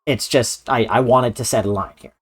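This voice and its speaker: A man giving casual video game commentary as a Let's Player, earnest and somewhat halting. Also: medium pitch, breathy edge.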